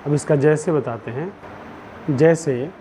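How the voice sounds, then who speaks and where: A man teaching a Hindi grammar lesson. He dictates notes slowly, repeats each phrase and puts questions to the pupils. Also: on the high side, warm tone. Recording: dull lo-fi sound with faint background noise.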